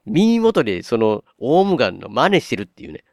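A man with a Kansai accent, chatting on a podcast as a co-host and telling stories in an animated way, acting out his own surprised reactions. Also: medium pitch, brisk, dry recording, clean studio sound. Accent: Kansai Japanese. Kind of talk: casual podcast chat.

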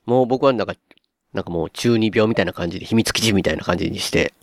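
A man with a Kansai accent, chatting on a podcast as a co-host and telling stories in an animated way, acting out his own surprised reactions. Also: fairly low pitch, fast talker, no echo, studio quality. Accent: Kansai Japanese. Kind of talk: casual podcast chat.

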